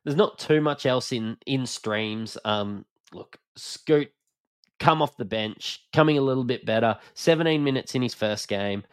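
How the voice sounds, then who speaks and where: A man's voice: mid-range voice, measured pace, smooth, dry recording, clean studio sound. A man from Australia with a broad Australian accent, chatting informally and matily as a sports podcast host with plenty of slang. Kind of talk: casual basketball analysis chat.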